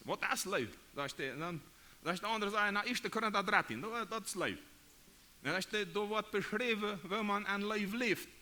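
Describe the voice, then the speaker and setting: A man from Paraguay with a Mennonite Low German accent, preaching a sermon in halting, repetitive phrases. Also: sharp tone, a little hiss or hum.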